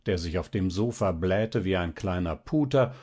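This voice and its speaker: Male audiobook narrator, low and husky, measured expressive reading.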